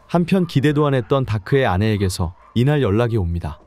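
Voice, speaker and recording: A man narrating a drama recap in a brisk, scripted storytelling voice. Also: mid-range voice, big pitch swings, background noise. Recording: narration over loud background music.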